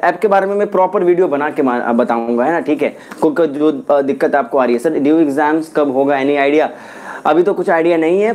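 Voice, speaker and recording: A man's voice: fairly high pitch, a little mellow. Chatty, encouraging male chemistry teacher. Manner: chatty and encouraging, mixing in English words. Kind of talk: live-stream class, reading viewer comments. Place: at home during lockdown.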